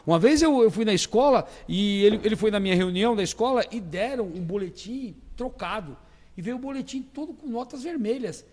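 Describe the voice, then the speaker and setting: A man with a Brazilian Portuguese accent hosting a podcast, telling stories in a lively, emphatic way. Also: high voice, a little fast, in a large hall. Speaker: podcast host. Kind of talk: casual podcast chat.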